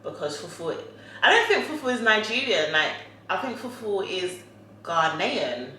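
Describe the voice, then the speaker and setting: A woman's voice: mid-range voice, big pitch swings, moderate pace, pushed and bright, a little hiss or hum. A woman vlogger chatting casually while eating, rambling with lots of fillers. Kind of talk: casual chat mukbang. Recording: very echoey room.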